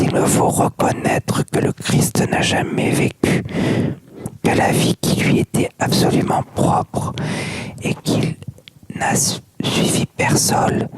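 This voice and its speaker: An ASMR reader whispering softly without voice, like in a library, reading a book aloud with asides. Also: takes it slowly. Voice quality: unvoiced soft whisper. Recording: very noisy whisper recording with mouth clicks.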